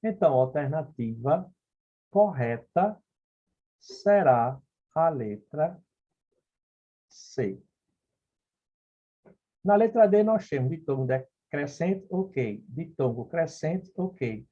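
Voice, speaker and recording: Warm and expressive, a slightly high male voice takes its time, pausing often, as a Portuguese grammar teacher explains exam questions in a recorded phonetics lesson. He keeps checking with "ok?" and "beleza?", and the recording is dull and lo-fi.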